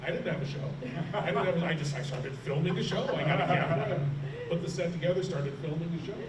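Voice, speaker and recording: A man's voice: fairly high pitch, fast talker. A middle-aged man, a horror host, chatting and telling anecdotes on a convention panel. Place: large room at a convention, panel. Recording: roomy, distant, noisy convention hall recording.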